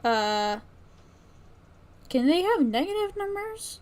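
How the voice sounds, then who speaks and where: A woman with an extremely high, sing-song, darkish voice takes her time while livestreaming her work. She thinks aloud casually and often drifts off mid-thought, as faint noise, typing and clicking sound in the background.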